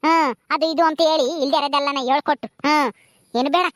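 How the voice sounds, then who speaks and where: A woman's voice: high voice, steady tone, fast talker, no echo, clean studio sound, lightly acted. A woman playing a scolding old mother-in-law. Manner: scolding, taunting.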